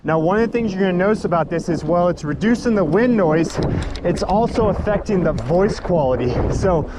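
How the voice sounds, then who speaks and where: A man's voice: sits high, animated, brisk. A man talking while riding outdoors, recorded on a chest-mounted action camera whose digital wind-noise reduction warps his voice. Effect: voice warped by digital wind-noise reduction. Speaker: camera gear reviewer. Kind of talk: casual demo narration. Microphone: chest-mounted action camera mic.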